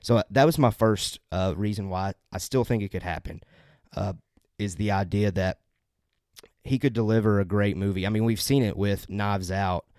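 A man with a lowish voice hosts a casual podcast. He talks upbeat and loose, stumbling through plugs and correcting himself as he goes. The sound is close and dry with no room around it. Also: normal speed, a little mellow, no room sound. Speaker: podcast host.

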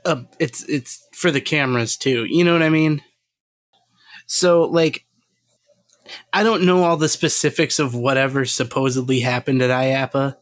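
A man's voice: mid-range voice, no room sound. A man co-hosting a podcast in a casual, rambling chat, laughing often and swearing lightly. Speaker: podcast co-host.

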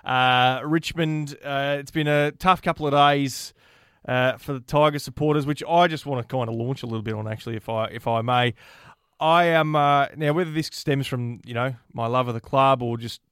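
An Australian man hosting a casual sports podcast, talking with animated ranting energy. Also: medium pitch, moderate pace, clean tone, dry recording, clean studio sound. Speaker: podcast host.

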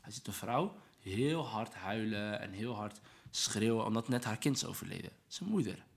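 A man's voice: lowish voice, animated, normal speed, creaky. A man speaking as a podcast guest, earnest and persuasive, preaching about patience and anger and mixing Arabic religious phrases into his talk. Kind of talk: casual podcast conversation, preaching tone.

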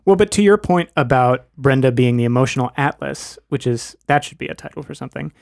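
A man's voice: medium pitch, animated, quick pace, creaky, darkish tone, no echo, studio quality. A man co-hosting a podcast, talking through a TV episode in a thoughtful, analytical, wordy way. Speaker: podcast co-host. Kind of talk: casual chat.

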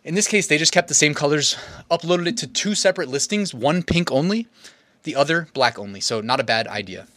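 A man's voice: fairly high pitch, lively intonation, brisk, a bit bright, no echo. A young adult man, out of breath, chatting loosely about his research and laughing at himself. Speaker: YouTuber sharing niche research. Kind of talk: casual screen-share commentary.

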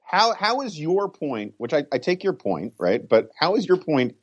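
A man co-hosting a podcast, talking politics in a wry, argumentative way and teasing his co-hosts. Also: mid-range voice. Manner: wry, argumentative, quick to tease. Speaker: podcast co-host. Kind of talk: casual political chat.

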